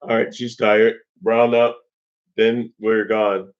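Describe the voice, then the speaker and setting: A man's voice: on the low side, little pitch movement, slow pace. American guy cohosting a live stream, chatty and jokey, dull muffled sound. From United States. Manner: joking, chatty. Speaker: channel co-host. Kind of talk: casual live chat with viewers.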